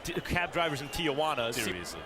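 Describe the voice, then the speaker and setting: Raised-pitch male boxing analyst. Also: very animated, brisk. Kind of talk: live sports commentary.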